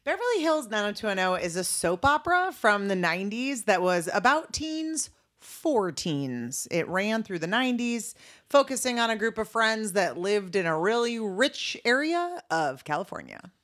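A woman's voice: medium pitch, sing-song, normal speed, a bit bright. A woman co-hosting a casual podcast, goofy and giggly as she makes guesses. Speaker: podcast co-host.

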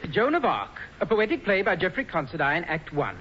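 Timid, high-voiced earnest poet. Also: male voice, very animated, fairly quick. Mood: earnest reciting. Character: timid, polite, earnest young male poet. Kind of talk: 1940s radio comedy acting. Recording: muffled old radio broadcast, faint noise.

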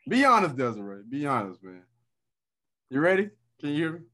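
A man's voice: on the high side, very animated, a little fast. Slangy, joking male host. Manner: loud, slangy, laughing banter. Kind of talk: casual group chat.

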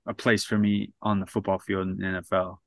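Low, flat-voiced man telling his story. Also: a little fast, vocal fry, no echo. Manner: rambling, many restarts and "like" fillers. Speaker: podcast guest. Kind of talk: casual storytelling interview.

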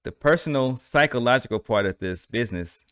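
A man's voice: mid-range voice, expressive, brisk, fairly bright tone, smooth, no room sound, studio quality. A man hosting a podcast, talking casually to listeners and often tagging lines with "right?". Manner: conversational, repeats "right?" to the listener. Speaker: podcast host. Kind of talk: solo podcast commentary.

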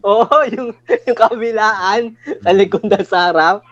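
A man with a higher voice speaks haltingly as a guest, circling back over the same phrases. The audio is dull and muffled. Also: a bit bright, no room sound. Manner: halting, repeats himself, "parang ganun". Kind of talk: casual podcast chat.

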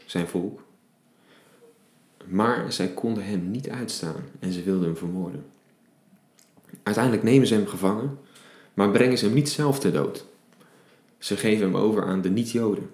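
Deep-voiced man reading and explaining scripture. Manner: reads scripture aloud, then explains in a relaxed, reflective way with fillers. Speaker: Bible teacher. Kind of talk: Bible reading with devotional commentary. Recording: roomy echo.

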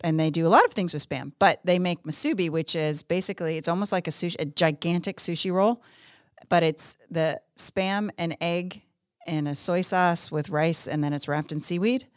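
A woman's voice: lowish voice, normal speed, no room sound, studio quality. A middle-aged woman with a Pittsburgh accent, chatting casually and playfully with a group.

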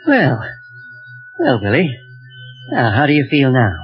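A man's voice: mid-range voice, huge pitch swings, unhurried. A man playing a kindly, fussy scientist doctor, soothing and hesitant, often repeating words, in old radio serial style. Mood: kindly, cautious. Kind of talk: 1930s-40s radio serial acting. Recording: dull old radio recording, music.

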